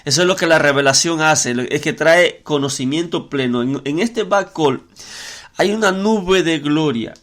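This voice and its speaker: A man's voice: on the high side, normal speed, a bit bright. A man preaching a podcast sermon, explaining scripture with frequent restarts and repeated words.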